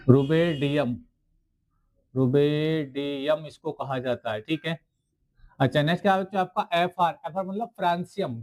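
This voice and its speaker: High-voiced man teaching, quizzing his pupils. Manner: asks the class questions and answers them himself, repeating key words; writes on the screen while explaining. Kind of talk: video lecture to school students.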